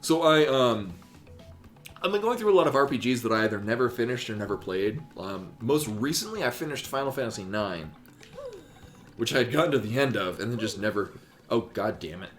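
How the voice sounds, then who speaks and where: Guy in his 30s streaming, chatting casually, voice moves around a lot, quiet game music. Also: mid-range voice, animated, fairly quick. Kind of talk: casual chat while playing. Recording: faint game music behind.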